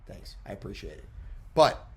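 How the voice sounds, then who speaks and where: A man's voice: normal speed, darkish tone. Rambling mid-twenties man co-hosting a podcast. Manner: rambling storyteller who repeats phrases. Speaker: podcast co-host. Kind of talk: casual podcast banter.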